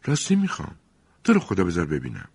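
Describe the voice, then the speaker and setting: A man's voice: sits low, wildly swooping pitch, gravelly, breathy edge, in a large hall, full character voice. A man voicing a shy, curious schoolgirl in an audiobook, whispering and coaxing. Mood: eager, pleading.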